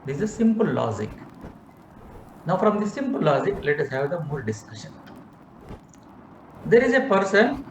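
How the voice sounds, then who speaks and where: A man teaches yoga philosophy over a video call, and his voice rises and falls in lively swoops. He talks slowly and with emphasis, repeating his points and putting questions to his listeners. The sound is roomy. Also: mid-range voice, slight background noise. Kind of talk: online yoga philosophy lecture.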